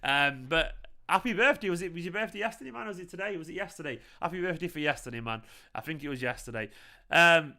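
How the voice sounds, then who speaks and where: Mancunian man, fan stream host, excitable, sweary, bright voice, smooth clear tone. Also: on the high side, fast talker. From Manchester, England. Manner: excitable, sweary, chatty with viewers. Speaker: football fan channel host. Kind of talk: live post-match reaction stream reading chat.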